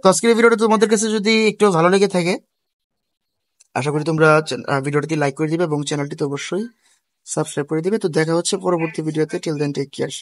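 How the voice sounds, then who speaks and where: A man's voice: a little high, fairly even intonation, fast talker, no room sound. A man teaching a school language lesson in a casual tutorial style. He explains step by step, asks questions and then answers them himself, and mixes regional forms and English words into his speech.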